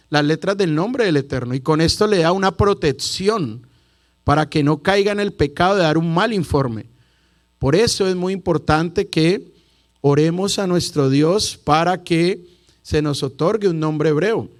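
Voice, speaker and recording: A middle-aged man gives a sermon to his congregation in a fairly high voice for a man. He tells stories and sometimes sings out the words like a cantor. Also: measured pace. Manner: storytelling preacher who sings out key words. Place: congregation hall.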